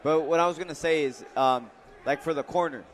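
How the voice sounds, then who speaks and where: A man's voice: on the high side, a little fast, slight background noise. A man giving live, conversational boxing commentary, thinking aloud and repeating words as he goes.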